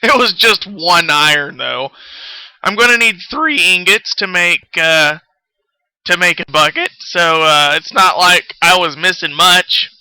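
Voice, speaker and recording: While playing a game on his livestream, this male host chats in a rambling, sweary, self-deprecating way. His high voice is animated, a little slow, pushed, bright, clear and resonant, on a dry but low-quality recording.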